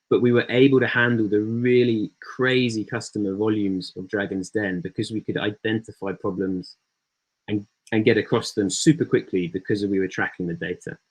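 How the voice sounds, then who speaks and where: A startup founder giving a slide presentation in an easygoing way, with many ums and uhs, over a video call. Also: male voice, fairly low pitch, low-quality recording. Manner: relaxed, filler-heavy delivery.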